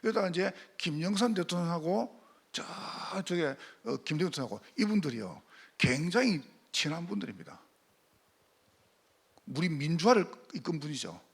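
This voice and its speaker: Pastor guy preaching, high husky gravelly voice, swings all over the place. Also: moderate pace. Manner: animated, rhetorical questions to the congregation. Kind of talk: sermon.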